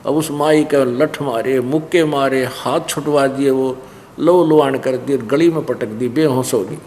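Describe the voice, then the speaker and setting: A man with a Haryanvi accent, a spiritual teacher telling a story in an animated sermon. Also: mid-range voice, a little slow. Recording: long hall reverb, faint noise.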